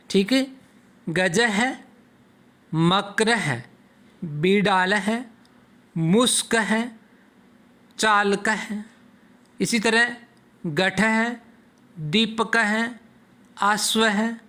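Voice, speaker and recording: A man's voice: high voice, a bit bright. A man teaching a Sanskrit lesson to children, patiently asking questions and answering them himself. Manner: slow, patient, asks and answers own questions.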